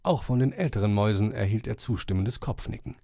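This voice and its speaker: A man narrating a children's story in a calm, expressive way. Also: on the low side, fast, vocal fry, dry recording, studio quality.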